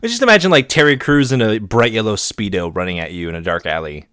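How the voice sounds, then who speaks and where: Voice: mid-range voice, expressive, fast, fairly bright tone, clean tone. A podcast co-host with a wry, giggly way of talking. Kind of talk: casual podcast chat.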